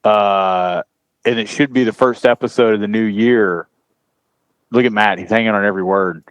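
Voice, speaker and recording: A man's voice: fairly low pitch, normal speed, no room sound. Man, podcast host, casual chat, jokey, mock accents, dry studio sound. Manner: jokey, puts on mock accents, announces guests.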